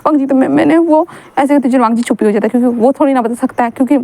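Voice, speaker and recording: A young woman casually retells a story she wrote, chatty and rambling, frequently pausing to correct herself. She talks rapid-fire in a slightly high voice that stays steady and has a soft, mellow tone.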